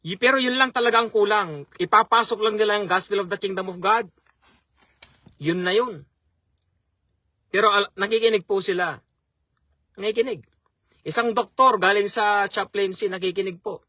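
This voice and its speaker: A man's voice: high-pitched, normal speed, long pauses, sharp tone, dry recording, studio quality. A man preaching a sermon as a chaplain, speaking earnestly, repeating key phrases and often calling his listeners brothers and sisters.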